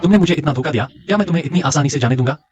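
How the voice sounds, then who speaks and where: A man's voice: a little high, lively intonation, rapid-fire, a little mellow, muffled recording, slight background noise, lightly acted. A man dubbing a wealthy young male lead in a drama, cool, sarcastic and possessive. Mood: cold. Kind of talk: Hindi dubbed TV drama. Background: drama score music.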